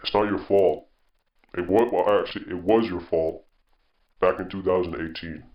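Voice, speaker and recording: A man's voice: deep voice, steady tone, moderate pace, echoey room, dull audio. A man co-hosting a casual podcast chat, boastful and teasing, swearing freely. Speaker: podcast co-host.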